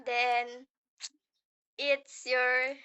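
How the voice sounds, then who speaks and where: A woman's voice: high-pitched, level tone, extremely slow, bright, forceful tone, clear, resonant tone. A young woman from Indonesia with an Indonesian accent chats on a video call. She answers shyly and hesitantly, in short replies. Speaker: guest. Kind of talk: casual video chat.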